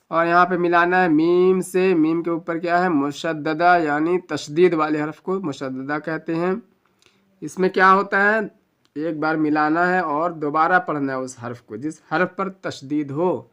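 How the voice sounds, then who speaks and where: A man's voice: a little high, steady tone, fairly bright tone, clear, resonant tone, dull audio. A man teaching Quran reading, spelling out each letter patiently and stretching the vowels as he recites.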